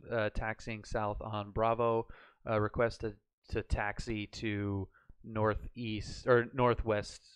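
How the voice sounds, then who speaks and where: A man with a fairly low-pitched, clean voice chats casually on a live stream as a flight sim streamer learning radio procedures. He talks through hypothetical situations as he works them out.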